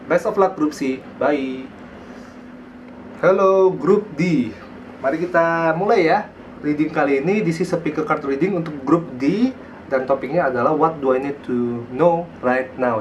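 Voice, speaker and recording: A man's voice: medium pitch, a little hiss or hum. A man with an Indonesian accent and a slight speech impediment on his r sounds, giving a casual, conversational tarot reading. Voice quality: slight lisp with soft, imperfect r sounds. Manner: conversational, repeats tag phrases. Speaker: tarot card reader and online host.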